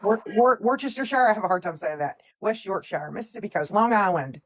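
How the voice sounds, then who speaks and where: A woman from talks in an easy, chatty way on a home livestream. She keeps up a steady running commentary, reading viewers' comments aloud in a mid-range, everyday voice. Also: mid-range voice, brisk. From Tennessee, USA. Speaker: livestream co-host. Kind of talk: casual livestream chat.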